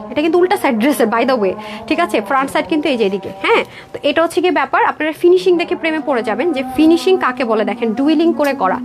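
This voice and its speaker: A woman from Bangladesh hosting a live online sale, talking viewers through dresses in a quick, persuasive patter. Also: high-pitched. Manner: rapid persuasive patter, addresses viewers as sister, mixes English words. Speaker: online clothing seller on a live stream. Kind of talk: live sales pitch. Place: indoor room with a door, modeling a dress.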